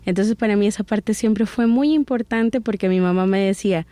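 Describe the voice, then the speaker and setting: A woman in her thirties with a Salvadoran accent, a guest telling her life story in an interview in a reflective, unhurried way. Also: mid-range voice, dark tone, no room sound. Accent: Salvadoran Spanish. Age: 30s.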